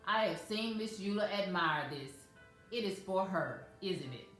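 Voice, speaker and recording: A woman voicing a kind old male hat-shop owner in a storybook reading, speaking softly and thoughtfully. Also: lowish voice, expressive, a little slow. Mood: tender. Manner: soft, thoughtful. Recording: very echoey room, faint music.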